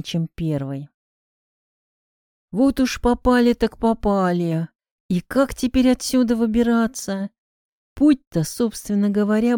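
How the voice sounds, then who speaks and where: Mellow-voiced woman narrating an audiobook. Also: medium pitch, no echo, clean studio sound. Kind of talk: first-person audiobook narration of a detective novel.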